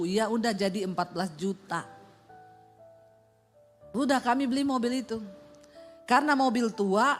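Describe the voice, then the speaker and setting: A middle-aged woman pastor, telling funny stories in a sermon and acting out voices and sounds. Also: on the high side. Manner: animated, acts out voices and sound effects. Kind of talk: humorous sermon storytelling.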